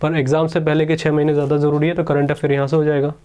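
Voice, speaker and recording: A man's voice: a little high, little pitch movement, warm tone, dull audio. A man teaching exam strategy in a casual, chatty lecture, often checking in with his students. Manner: quick, chatty, keeps saying "ठीक है".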